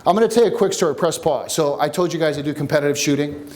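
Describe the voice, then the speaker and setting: A man coaching a workshop group, teaching with jokes and a personal story in an animated way. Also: a little high, very fast. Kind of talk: seminar teaching with stories. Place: room with a live audience.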